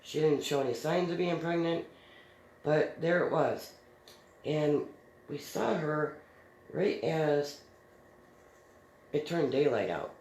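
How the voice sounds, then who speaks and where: A middle-aged woman hosting a crafts video speaks slowly in a low, darkish voice, pausing often. Her casual storytelling is chatty and easygoing, full of laughter and fillers, with a roomy echo and faint noise.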